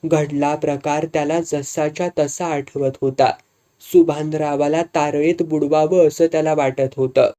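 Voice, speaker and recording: Male storyteller, story narration, mellow dark tone, slightly high voice. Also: flat delivery, unhurried.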